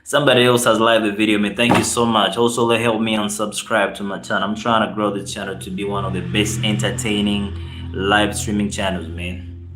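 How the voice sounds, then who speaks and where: Ugandan guy on a live stream, lowish voice, chatting with viewers and reading out their comments, echoey room. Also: level tone, a little fast, fairly bright tone, faint music behind. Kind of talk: casual live-stream chat. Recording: roomy echo.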